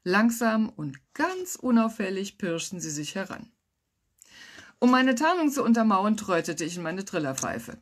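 Woman author reading her crime story; wry, lively first-person narration. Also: medium pitch, a little slow. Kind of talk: online reading of a crime novel.

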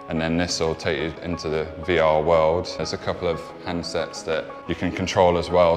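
A young architect with a very deep, even voice explains his tools patiently, restarting phrases now and then. Long reverb from a bare hall trails his words, and music plays clearly underneath. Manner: steady and explanatory, with frequent restarts. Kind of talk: explaining design software in a casual interview. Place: large bare room with high ceiling.

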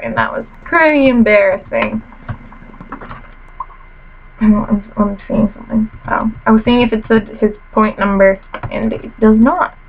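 A woman's voice: on the high side, phone-quality sound, a little hiss or hum. A teenage girl commentating her own game casually, chatty and self-mocking with playful trash talk, a little sniffly after a cold, in her bedroom at home. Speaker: gamer commentator.

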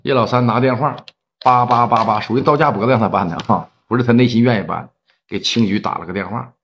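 A man's voice: medium pitch, quick pace, a bit bright, a little hiss or hum. A man with a Northeastern Chinese accent telling a gangland story in a colloquial way and acting out the dialogue. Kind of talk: storytelling narration.

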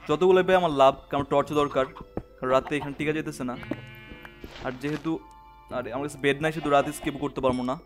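A young man, quietly commentating his gameplay in a soft, hushed voice late at night. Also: a little high, steady tone, a little fast, pauses often, soft background music. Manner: talks softly and quietly, late-night hush. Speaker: gamer channel host.

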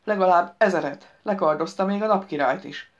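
A woman narrating a humorous audiobook in a lively, wry storytelling manner. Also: lowish voice, lo-fi sound. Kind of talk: scripted narration.

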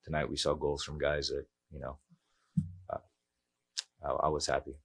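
Man, football coach, very deep flat voice, press conference, table mic. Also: husky. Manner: measured, reflective, with many fillers. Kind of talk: post-match press conference. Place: press room.

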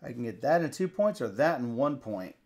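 A man's voice: medium pitch, big pitch swings, a little fast, darkish tone. A middle-aged man chatting casually while he plays a board game at a table. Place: indoor room at a game table.

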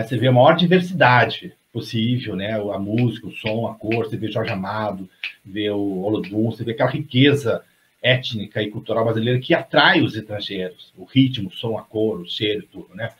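A middle-aged Brazilian man, a novelist, talking on a video call in a rambling way, full of restarts and tag questions. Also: mid-range voice. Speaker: guest novelist. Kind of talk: casual discussion on video call. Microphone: webcam on video call. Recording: slightly dull lo-fi sound.

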